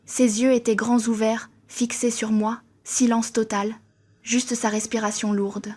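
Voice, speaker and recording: A woman's voice: fairly high pitch, flat delivery, unhurried, a little mellow. A woman narrating a first-person horror story in a tense, scripted way.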